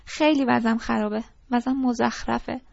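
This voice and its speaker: A woman's voice: fairly high pitch, fairly even intonation, vocal fry, a little mellow, no echo. A woman voicing a disgruntled teenage boy who rambles through complaints and pleads eagerly, in an audiobook reading. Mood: ranting. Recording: dull lo-fi recording.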